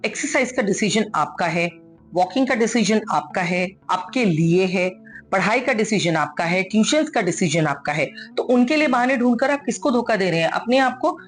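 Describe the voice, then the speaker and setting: Woman, motivational speaker, earnest coaxing delivery, medium pitch, faint music underneath. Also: expressive, normal speed. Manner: earnest and coaxing, mixes English into Hindi. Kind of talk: motivational talk.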